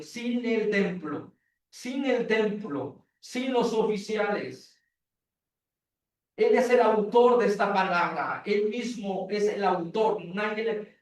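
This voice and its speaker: High-voiced man preaching in an echoey hall. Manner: emphatic preaching with repeated phrases. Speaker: pastor. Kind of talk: sermon. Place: church. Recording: echoey hall, mic far off.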